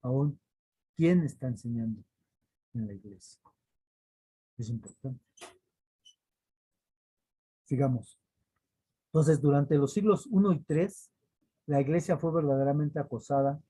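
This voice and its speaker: A man's voice: medium pitch, measured pace, pauses often, warm tone, slightly rough, rough recording. A man preaching a weekly devotional, earnest and repetitive for emphasis, sometimes acting out quoted voices. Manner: earnest, repeats phrases for emphasis. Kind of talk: devotional teaching.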